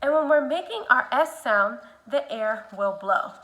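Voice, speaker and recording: A woman teaching a speech sound lesson, modeling speech slowly with exaggeration and guiding the learner step by step with simple prompts. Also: high voice, lively intonation, a bit bright.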